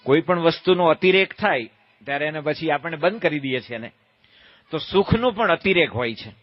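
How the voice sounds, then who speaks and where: A man's voice: a little high, lively intonation, normal speed, no room sound, highs cut off. A man, a swami giving a religious discourse, telling stories in a playful, folksy way and asking his listeners questions. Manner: folksy, playful, asks the crowd questions and acts out voices. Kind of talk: storytelling sermon.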